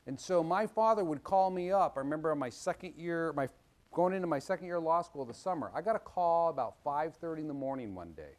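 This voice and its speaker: Man, middle-aged, attorney, folksy lesson, animated storytelling, slightly high voice. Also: fairly quick. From Washington State, US. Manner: folksy, animated storytelling, acting out quoted dialogue. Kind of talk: explanatory legal talk with anecdotes.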